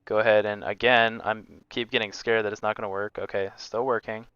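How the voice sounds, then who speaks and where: A man's voice: fairly low pitch, level tone, a little fast, a bit bright, smooth, no echo, dull audio. A man livestreaming a flight simulator, chatting casually and making pilot radio calls.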